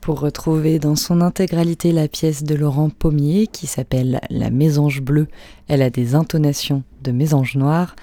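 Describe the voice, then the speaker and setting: A radio presenter gives a scripted on-air announcement. The voice is warm and mellow, and the delivery is smooth and measured. The sound is dry and close, with no room echo. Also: mid-range voice, fairly even intonation.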